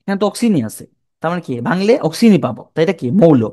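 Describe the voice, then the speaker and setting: High-pitched yet dark in tone, a young man with a Bangladeshi Bengali accent rattles through a chemistry class in rapid-fire, expressive speech with no echo. He talks colloquially and repeats terms, often quizzing students and then answering for them.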